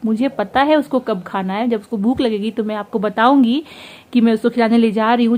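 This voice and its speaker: Brief: young woman, home vlogger, fast animated storytelling, tired and unwell, slightly high voice. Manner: fast, animated recounting with quoted dialogue. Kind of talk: casual vlog storytelling.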